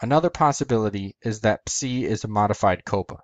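A man's voice: fairly low pitch, quick pace, no echo, lo-fi sound. A man hosting an educational video, narrating a methodical scripted explanation step by step.

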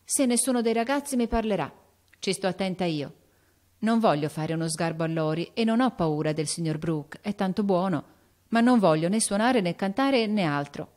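A woman voicing a shy, gentle teenage girl in an audiobook, timid and soft-spoken. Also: mid-range voice, animated, normal speed, close to an everyday voice. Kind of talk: audiobook character voice.

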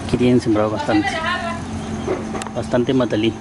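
A man's voice: medium pitch, normal speed, heavy background noise. Chatty young man filming himself outdoors. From Mexico. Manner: relaxed, chatty, addresses viewers directly. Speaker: vlogger. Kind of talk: casual travel vlog. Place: outdoors by a lagoon. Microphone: camera held at arm's length.

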